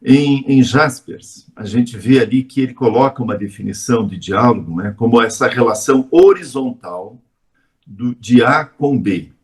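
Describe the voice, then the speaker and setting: A middle-aged Brazilian man, a teacher, giving a measured, explanatory lecture in a live webinar, often adding tag questions. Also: mid-range voice. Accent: Brazilian Portuguese.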